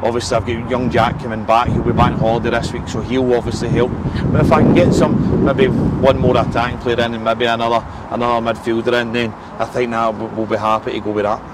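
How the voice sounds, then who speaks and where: A fortyish Scottish football manager, interviewed outdoors by a pitch after a game, answers frankly and repetitively with frequent "eh" and "listen" fillers. He talks fast at medium pitch in a level tone with few pauses, and traffic can be heard passing.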